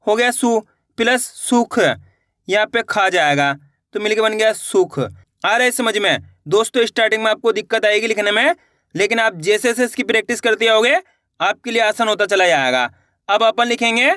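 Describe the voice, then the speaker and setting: Male teacher, Hindi accent from India, step-by-step lesson, bright, dry close sound. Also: high voice, clean tone, dry recording. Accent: Hindi-speaking India. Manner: repeats words, asks and answers own questions.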